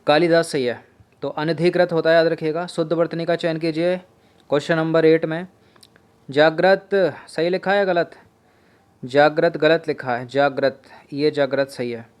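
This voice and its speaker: A man's voice: on the high side, steady tone, normal speed, clean tone. A man teaching an exam-prep spelling lesson, repeating words over and over and putting questions to his students.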